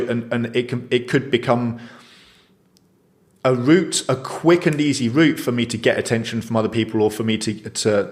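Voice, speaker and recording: A man in his thirties co-hosting a podcast, talking casually and explaining ideas with many restarts. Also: mid-range voice. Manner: thoughtful, explanatory, frequent restarts. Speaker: podcast co-host.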